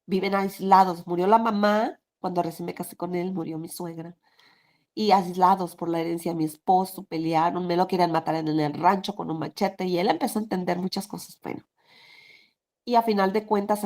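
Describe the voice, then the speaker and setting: A woman's voice: lowish voice, darkish tone. A middle-aged woman giving a rambling, emotional personal testimony in an interview. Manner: rambling, restarts often, emotional.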